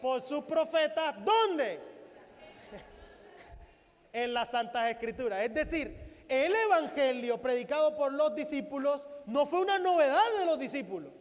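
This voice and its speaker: High-voiced man preaching in a reverberant hall. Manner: preaches with rhetorical questions and acts out biblical dialogue. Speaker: pastor. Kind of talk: Sunday sermon. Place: church sanctuary.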